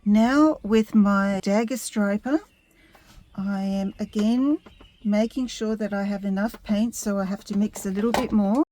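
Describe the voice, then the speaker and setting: A woman giving a step-by-step painting tutorial in a gentle, unhurried instructing manner. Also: mid-range voice, a little hiss or hum.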